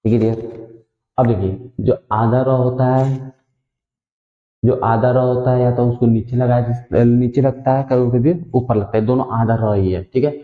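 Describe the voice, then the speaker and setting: A man's voice: mid-range voice, steady tone, measured pace. A man teaching the alphabet, patiently repeating sounds and checking that students understand. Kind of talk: Hindi alphabet lesson. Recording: echoey room, dull lo-fi sound.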